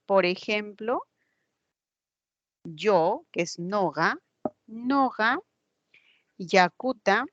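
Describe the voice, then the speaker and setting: A woman's voice: medium pitch, animated, drawn-out words, long pauses, fairly bright tone, dry recording, highs cut off. A woman with a Peruvian Spanish accent teaching a recorded class, patiently explaining step by step with examples. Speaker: language teacher. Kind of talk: recorded online class lecture.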